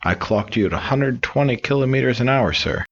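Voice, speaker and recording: A man's voice: medium pitch, expressive, fairly quick, a bit bright, lo-fi sound, a little hiss or hum, voice pushed up. A man voicing a stern, formal police officer.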